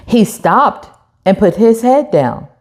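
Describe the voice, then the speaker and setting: A woman hosts a children's storytime, reading aloud and speaking directly and encouragingly to young listeners with deliberate phrasing. Her mid-range voice is a little mellow but very animated.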